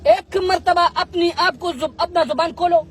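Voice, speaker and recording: A man's voice: very high voice, fairly even intonation, moderate pace, fairly bright tone. A man, coaxing and pleading in a mock-tearful street confrontation. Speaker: street interviewer.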